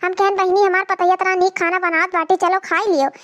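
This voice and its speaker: A woman plays a cartoon mother-in-law, an old village woman who nags and complains without end. She speaks with a broad Awadhi accent in a very high, shrill voice and a slow, drawn-out delivery. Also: flat delivery. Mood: scolding. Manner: loud, nagging, complaining. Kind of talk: cartoon comedy voice acting.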